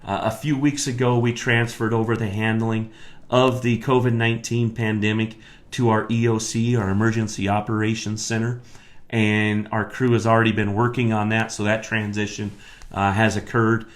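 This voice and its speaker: An American man hosting a live stream as a county commissioner, talking emphatically and getting worked up, then speaking in a halting way with many fillers. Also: on the low side. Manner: worked-up, emphatic, rising to near-shouting; many fillers and restarts when calmer. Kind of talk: live-streamed political talk.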